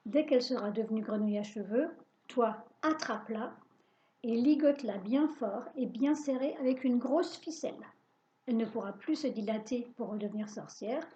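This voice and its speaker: A woman voicing a calm, wise shopkeeper man who gives patient instructions in a hushed voice, on a dull lo-fi recording. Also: fairly high pitch, normal speed, a little hiss or hum, lightly acted. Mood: instructing.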